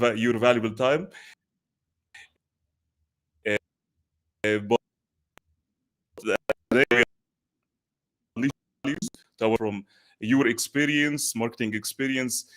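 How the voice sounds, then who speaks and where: A man's voice: mid-range voice, a bit bright. Effusive male show host. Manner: effusive, halting with many fillers. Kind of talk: online show interview.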